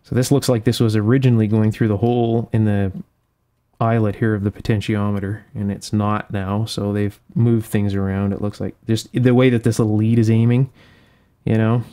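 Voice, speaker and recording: With a fairly low, mellow voice and a level tone, the man speaks at normal speed. He hosts an electronics repair channel and, at an indoor workshop bench, reasons aloud through a hands-on repair step by step, unscripted and methodical.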